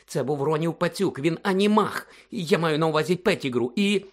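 A man's voice: a little high, expressive, a little fast, voice pushed up, lightly acted. An earnest, clever teenage schoolgirl, read by a man in a lifted voice. She speaks frankly and pleads her case. Audiobook storytelling. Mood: pleading.

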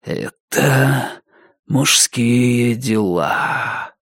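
Whispered role-play: a sly, mocking temple spirit, put on by a male narrator, slow and hushed, dry close sound. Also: mid-range voice, lively intonation, creaky, husky, no echo, heavily acted.

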